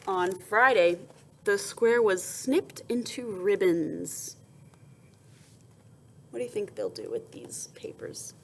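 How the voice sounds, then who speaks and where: With a medium-pitched voice and some vocal fry, a woman reads a picture book aloud to young children the way a teacher would. She tells the story expressively, stopping to pose questions and answer them softly, with asides along the way. There's slight background noise.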